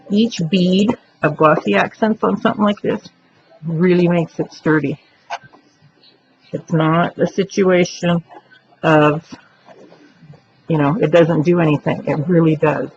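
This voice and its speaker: A woman giving a chatty step-by-step crafting demonstration, explaining each move aloud as she works. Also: sits low. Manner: chatty, explains while working, thinks aloud. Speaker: craft tutorial presenter. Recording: dull lo-fi recording with faint noise.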